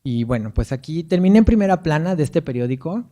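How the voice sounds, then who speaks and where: A man's voice: a little high, lively intonation, fairly quick, warm tone. A man with a Mexican accent giving a lecture, telling anecdotes in a chatty way with frequent tag questions. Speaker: guest lecturer, performance artist.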